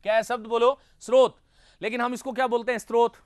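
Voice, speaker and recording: A man's voice: extremely high pitch, little pitch movement, fast, smooth, dry recording, clean studio sound. A man teaching Hindi grammar in a lecture, drilling students with repeated questions and earnest appeals. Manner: earnest, exhorting. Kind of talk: classroom lecture.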